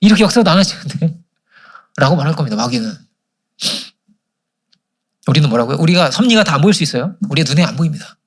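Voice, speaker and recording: During a church service, a male pastor preaches a sermon, firing questions at the congregation and answering them himself. His husky voice sits a little high, with lively intonation and wide pitch swings, and he speaks quickly.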